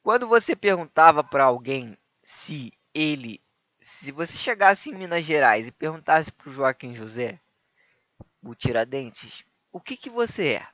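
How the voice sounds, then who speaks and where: A man's voice: a little high, very animated, unhurried, a bit bright, no echo, highs cut off. A man with a Brazilian Portuguese accent teaching a recorded history lesson for exam prep, explaining step by step, asking himself rhetorical questions and adding tag questions.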